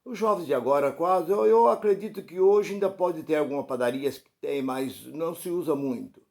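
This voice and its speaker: A man from Brazil preaching a sermon, telling illustrative stories and voicing the quoted dialogue with shifts between loud and soft. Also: a little high, normal speed, creaky.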